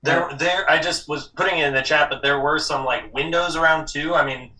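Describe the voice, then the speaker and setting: Player, male, bright tense tone, easygoing chat. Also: fairly high pitch, brisk, poor audio. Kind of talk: casual tabletop game chat.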